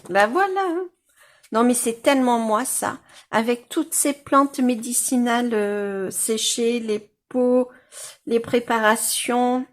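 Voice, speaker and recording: A woman with a somewhat high voice chats casually at home. She rambles and restarts often, filling her pauses as she talks viewers through her coloring pages. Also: slight background noise. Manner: rambling and chatty, with many fillers and restarts. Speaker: coloring-book YouTuber.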